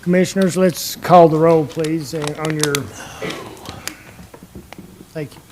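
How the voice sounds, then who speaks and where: A man's voice: a little high, steady tone, slow, darkish tone. A man chairing a public meeting in a courteous, formal, procedural way. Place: indoor commission meeting room. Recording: faint background noise.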